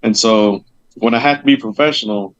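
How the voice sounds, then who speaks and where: A man's voice: medium pitch, moderate pace, dry recording. A man chatting as a podcast guest about opening a business, rambling, with loose fillers and lots of side detail. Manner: chatty, rambling, acts out conversations. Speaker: guest, meadery owner. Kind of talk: casual podcast interview. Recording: dull lo-fi dry audio.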